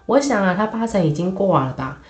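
A woman's voice: medium pitch, lively intonation, brisk, echoey room, natural voice. A woman voicing a mean, sour aunt who scolds and sneers at a boy, in a storybook reading. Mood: scornful. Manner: scolding, contemptuous.

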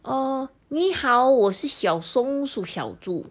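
A woman voicing a playful little squirrel kid in a storybook, lively and drawn-out. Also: high-pitched, voice pushed up, heavily acted.

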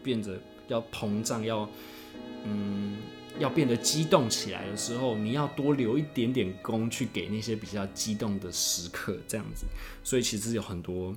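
A man who plays cello talks through a piece of music, thoughtful and unhurried, with small restarts. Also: lowish voice. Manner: thoughtful, explains slowly with restarts. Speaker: cellist guest. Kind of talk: casual music discussion.

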